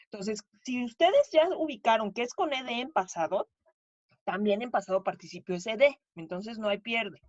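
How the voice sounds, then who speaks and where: A woman's voice: on the high side, animated, moderate pace, dry recording, lo-fi sound. A woman with a Mexican Spanish accent, explaining pronunciation to her class in a patient, chatty way and checking in often with her students. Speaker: English teacher.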